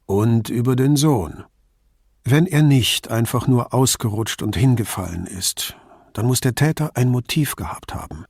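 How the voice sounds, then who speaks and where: A man's voice: mid-range voice, expressive, measured pace, darkish tone, slightly rough, dry recording, studio quality. Man voicing a firm ironic commissioner. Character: firm, dryly ironic male police commissioner.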